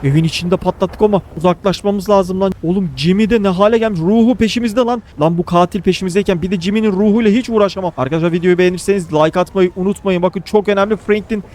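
A man hosting a modded game video, giving excitable commentary to his viewers with lots of casual swearing. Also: high-pitched, quick pace, few pauses. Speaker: gaming video host.

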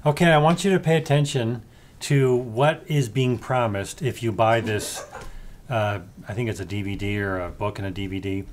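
A man's voice: on the low side, normal speed, a little hiss or hum. A man hosting a podcast, giving casual, explanatory commentary. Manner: conversational, explanatory. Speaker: podcast host.

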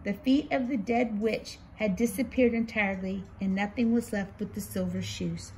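A woman's voice: mid-range voice, steady tone, moderate pace, warm tone, slight background noise, low-quality recording. A woman reading a children's storybook aloud, lifting her voice a little for quoted lines and sometimes stumbling and restarting a word. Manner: reads quotes with small lifts, a few slips and restarts. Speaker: reader.

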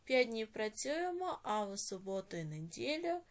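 A woman teacher with a Ukrainian accent giving an online lesson to young children and slowly dictating words with clear stress. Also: on the high side, very animated. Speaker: primary school teacher.

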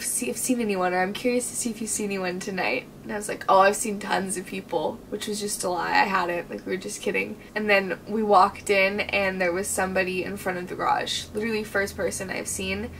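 A young American woman talks casually to a camera in a night vlog. Her telling is halting and full of filler words. She sits a little away from the microphone, with some noise behind her and a medium pitch. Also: steady tone. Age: young adult. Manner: hesitant, filler-heavy storytelling with "like". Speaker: vlogger staying overnight in a garage. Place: cluttered garage at night, seated on sofa. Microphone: camera a few metres away. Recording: distant camera mic with background noise.

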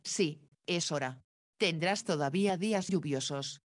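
A woman reading the lines of a calm, patient grown male teacher in a gentle, reassuring way, in her own voice. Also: sits low, unhurried, dry recording.

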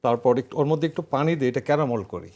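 A man in his sixties, a chef and cooking instructor, explaining a recipe in halting speech with frequent restarts. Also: medium pitch, lively intonation, a little mellow. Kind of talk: cooking demonstration.

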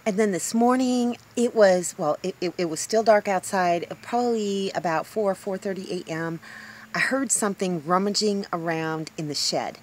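A woman's voice: medium pitch, moderate pace, slight background noise. A woman in her fifties talking casually to a handheld phone camera outdoors on her homestead porch, rambling with lots of ums and restarts. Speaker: homestead vlogger. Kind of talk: casual vlog talk to camera. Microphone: handheld phone camera at arm's length.

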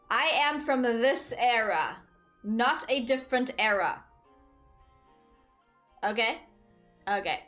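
A young woman from Portugal, at a desk in a small room, chats casually on a headset with her live chat, giggly and rambling. She speaks slowly in a fairly high, animated, slightly bright voice, pausing often, over soft background music.

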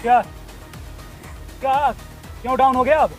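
A man's voice: very high voice, fairly even intonation, a little slow, over music. A man playing a stern, commanding bystander. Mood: interrogating. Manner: commanding, repeats curt orders. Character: young man, stern bystander who confronts a bully. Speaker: actor in a staged vlog skit. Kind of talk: staged street drama.

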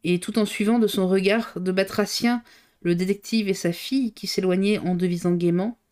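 A woman reads a classic novel aloud on a live stream. Her narration is steady and clear, in a voice of middling pitch for a woman. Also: normal speed.

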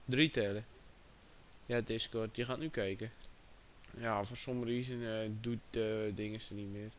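A man's voice: fairly low pitch, fairly even intonation, unhurried, a little hiss or hum. A man chatting casually on a livestream, distracted and talking to his chat and a friend. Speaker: livestream host.

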